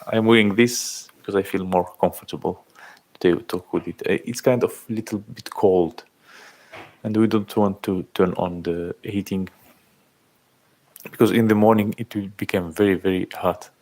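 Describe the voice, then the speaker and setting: A man in his thirties from Algeria, chatting casually on a livestream, reading out and thanking viewers' comments in halting speech. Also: low-pitched, fairly even intonation, darkish tone. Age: 30s. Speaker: livestream host. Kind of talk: casual live-stream chat.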